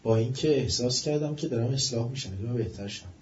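A man giving a religious-ethical lecture, asking questions of his listeners and rising to emphatic, drawn-out stresses. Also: mid-range voice, darkish tone, slight background noise. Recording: echoey room, dull lo-fi sound.

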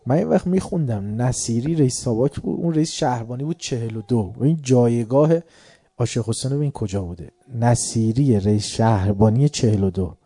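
Brief: male speaker with a deep-toned, warm voice, spinning a lively story with chuckles. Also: husky, no echo. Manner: lively anecdotal telling, chuckling. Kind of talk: storytelling religious talk.

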